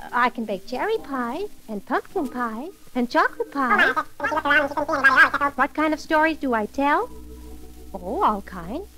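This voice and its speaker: A woman narrating a children's story for an old record in a sweet, gently theatrical way, talking kindly to a little elf. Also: sits high, poor audio. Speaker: storyteller and host.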